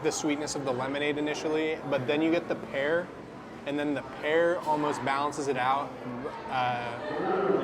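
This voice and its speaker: A man's voice: a little high, noisy background. A man giving a casual, informal food review in the manner of a vlogger, thinking his opinions through aloud. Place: outdoors at a theme park. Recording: outdoor vlog with clear music behind. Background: music and outdoor park sounds.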